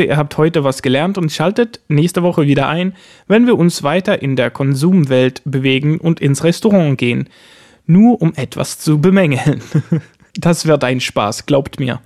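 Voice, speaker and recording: A man hosting a scripted language-lesson podcast, slowly and carefully spelling out example words. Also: on the high side, a little mellow. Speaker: language teacher host.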